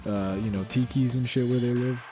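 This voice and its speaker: A man co-hosts a podcast of casual pop culture chat, blunt and opinionated and swearing often. His mid-range voice keeps a steady tone at a brisk pace, with music playing in the background.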